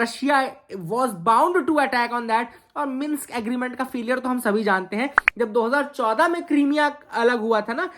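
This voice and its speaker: A woman's voice: high voice, fairly bright tone. A woman teaching an explanatory video lesson for exam students in a chatty way, asking rhetorical questions and mixing in English phrases. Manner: mixes English phrases into speech.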